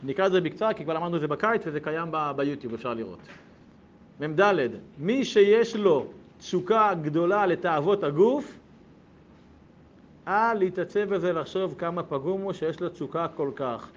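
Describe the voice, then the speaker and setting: A man teaching a Torah lesson, reading passages aloud and explaining them with loud, emphatic exclamations. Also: on the high side, animated. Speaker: rabbi teaching a class. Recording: dull lo-fi sound with faint background noise.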